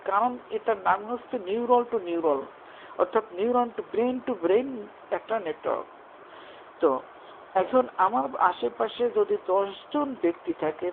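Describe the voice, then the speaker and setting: Woman talking over a tinny phone line. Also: medium pitch. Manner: rambling, searching for words with many restarts. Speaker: speaker explaining a personal theory. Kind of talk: casual monologue to viewers. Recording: tinny phone-like audio with faint noise.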